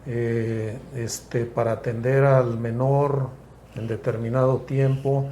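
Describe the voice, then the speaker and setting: Calm psychiatrist, mellow voice. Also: male voice, mid-range voice, slight background noise. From Mexico. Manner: measured, explains step by step with many restarts. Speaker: psychiatrist guest. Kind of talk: explanatory interview talk.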